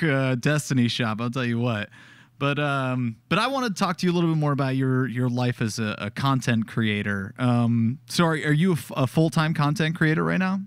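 A young man hosting a casual interview, talking in a relaxed, rambling way and laughing easily. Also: mid-range voice, clean tone, no room sound, clean studio sound. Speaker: interview host.

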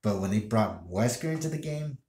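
A man's voice: lowish voice, animated, fairly quick, dark tone. A man who streams games, talking in a casual monologue that rambles, restarts sentences and sighs. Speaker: gaming streamer. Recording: roomy echo.

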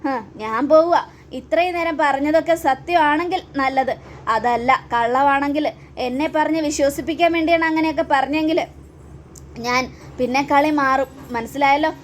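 A woman's voice: high-pitched, steady tone, moderate pace, a little hiss or hum, lightly acted. A woman voicing an angry, suspicious young man who demands answers in an accusing way.

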